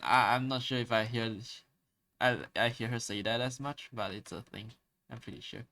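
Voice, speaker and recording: Chatting loosely on stream as he draws, this young man speaks Malaysian-accented English as a native Chinese speaker, using many fillers and restarts. His mid-range voice is gravelly and sharp, with a steady tone and moderate pace.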